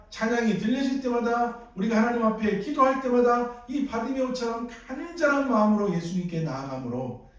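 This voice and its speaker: A male pastor with a Gyeongsang accent preaching a sermon, putting questions to the congregation. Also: high-pitched. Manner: animated, asks the congregation questions. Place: church sanctuary. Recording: echoey sanctuary from far off.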